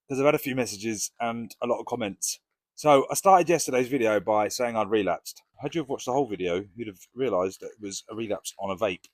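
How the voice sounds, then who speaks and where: A man's voice: medium pitch, no echo. British guy vlogging, talks frank and sweary, casual, pretty dry sound. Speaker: recovery vlogger. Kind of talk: casual chat to camera.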